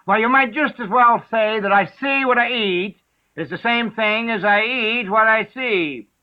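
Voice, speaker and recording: A man's voice: high voice, measured pace, voice pushed up. A man voicing the Hatter, an eccentric, rude, riddling man, with an abrupt, theatrical delivery. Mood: excitable. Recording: narrow phone-like sound.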